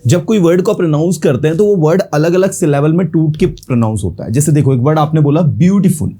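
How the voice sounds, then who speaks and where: A man's voice: on the high side, expressive, quick pace, warm tone, husky. Man teaching grammar. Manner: explains in Hindi mixed with English, repeats words syllable by syllable. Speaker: English teacher. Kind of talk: classroom grammar lesson at a board.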